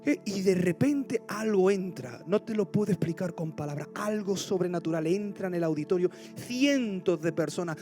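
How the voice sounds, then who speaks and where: A man preaching a passionate sermon, telling stories with loud cries and hushed asides. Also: high-pitched, animated, normal speed, hardly any pauses, soft background music. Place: large church auditorium.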